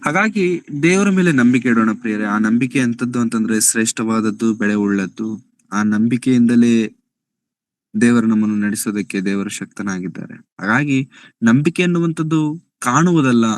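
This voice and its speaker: A man delivers a sermon from the pulpit at a middle pitch, with a dry, close sound and little room echo. He asks his listeners rhetorical questions and repeats phrases for emphasis, his voice rising when he drives a point home. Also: moderate pace. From Karnataka, India. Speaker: preacher.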